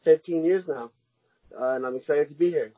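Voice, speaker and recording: A man from the United States with a fairly high voice talks casually as a podcast guest. The sound is dry and somewhat dull. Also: brisk, slightly rough, no echo. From United States, Connecticut. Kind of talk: casual chat. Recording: dull lo-fi close dry audio.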